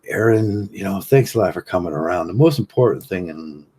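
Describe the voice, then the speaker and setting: A man's voice: deep voice, lively intonation, a little fast, mellow, husky. A man hosting a casual livestream monologue, rambling with many fillers and restarts and laughing at his own jokes. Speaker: livestream host.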